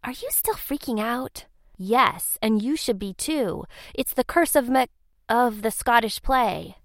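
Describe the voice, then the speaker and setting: A man voicing anxious teenage girls in a spooky storybook, raising his voice high and sounding worried. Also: expressive, measured pace, a bit bright, no echo, clean studio sound, exaggerated voice.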